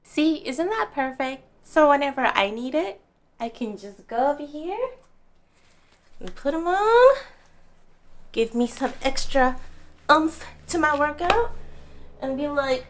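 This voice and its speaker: A woman's voice: high voice, very animated, slow, long pauses. A young woman doing a casual, upbeat product review in her living room, chatting straight to the viewers. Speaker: home fitness vlogger. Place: bright living room at home.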